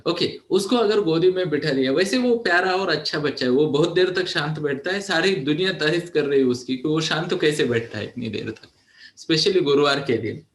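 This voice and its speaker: A man counselling an audience in a motivational talk, conversational and animated, often checking in with his listeners. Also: a little high, moderate pace, echoey room. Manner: conversational, animated, asks "है ना?" often, mixes in English.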